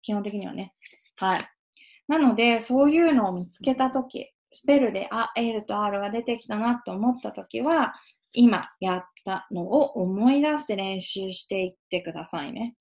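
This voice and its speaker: A woman giving a casual spoken lesson on English pronunciation, patiently demonstrating sounds with drawn-out vowels. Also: medium pitch. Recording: lo-fi dull sound.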